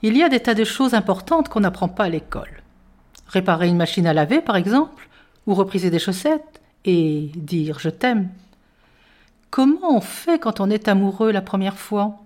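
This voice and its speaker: A woman reading a children's story aloud in a playful, expressive way, narrating as a young boy in the first person. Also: medium pitch, normal speed.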